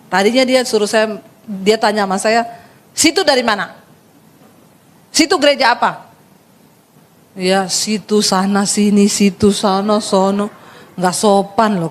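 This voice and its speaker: A woman's voice: mid-range voice, in a large hall. A woman pastor preaching a sermon, telling funny stories and speaking directly to her congregation. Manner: humorous storytelling, acts out dialogue.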